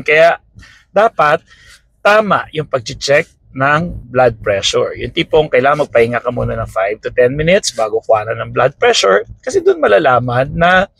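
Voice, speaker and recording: Gravelly man explaining health casually. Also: medium pitch, a bit bright, poor audio. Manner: conversational, peppers with "okay?" and "no?". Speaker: health talk host.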